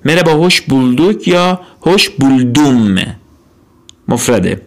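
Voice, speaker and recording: A man teaching a language lesson, saying words slowly and then giving their meaning, with patient repetition. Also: mid-range voice, expressive.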